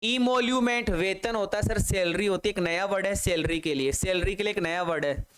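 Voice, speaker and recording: A man's voice: high-pitched, a little fast, fairly bright tone, smooth. A man with an Indian accent teaching English vocabulary in Hindi, repeating each word many times and spelling it out letter by letter. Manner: drills students to repeat aloud. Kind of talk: online vocabulary lesson.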